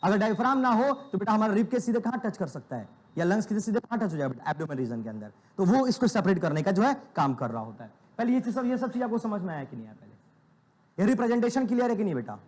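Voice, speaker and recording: A man's voice: high voice, big pitch swings, fast, a little mellow. A young man giving a biology lecture, asking the class questions and answering them himself, often calling students "beta". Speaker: biology teacher.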